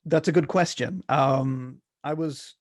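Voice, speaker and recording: His voice sits a little high and moves slowly as he answers questions in an academic interview. He's a middle-aged South African guest scholar whose mixed accent sounds mostly Australian, and his speech is hesitant, full of fillers and false starts. The sound is clean studio audio without echo.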